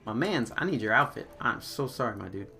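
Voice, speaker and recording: A man's voice: medium pitch, a little fast, creaky. Guy streaming a game, super up and down voice, slangy chatter, bit of music behind him. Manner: animated, slangy, talks to himself and game characters. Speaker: video game live streamer. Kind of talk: casual live gameplay commentary, chatting with viewers.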